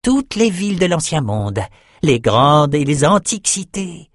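A man reading an audiobook, voicing an excitable, half-mad albino male shaman who chants his lines. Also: fairly high pitch, unhurried, no room sound, clean studio sound, pitched above the performer's own voice. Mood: visionary. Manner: singsong, chanting. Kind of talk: audiobook character voice.

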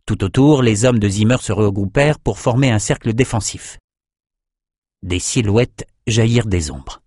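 A man narrating a fantasy audiobook in a steady, even storytelling manner. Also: on the low side, moderate pace, no echo, clean studio sound. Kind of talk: scripted narration.

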